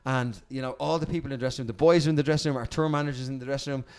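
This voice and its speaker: A Dublin Irish man, a podcast guest, telling animated stories in casual chat, repeating words and swearing freely. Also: medium pitch, rapid-fire, clean tone. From Dublin, Ireland.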